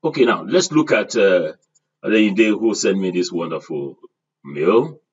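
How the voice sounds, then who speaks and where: A man's voice: deep voice, animated, a little slow, breathy edge, distant mic, lo-fi sound. An older man giving a screen-share lesson, talking straight to his class and asking them to repeat after him. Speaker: online course instructor.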